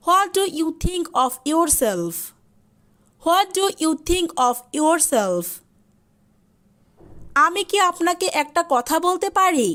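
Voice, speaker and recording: A woman teaching spoken English, reading short phrases in Bangla and saying each English phrase twice, slowly and deliberately. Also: very high voice, a bit bright. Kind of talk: slow English phrase drill with Bangla translations.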